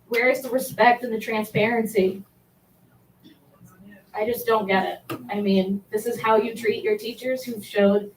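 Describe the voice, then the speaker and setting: A woman teacher speaks at a public meeting with halting, impassioned words and frequent restarts. Her voice sits at an ordinary pitch. It carries through a roomy, reverberant hall from some distance off the mic, with a faint hiss underneath. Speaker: elementary school teacher giving public comment. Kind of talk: public comment at a board meeting.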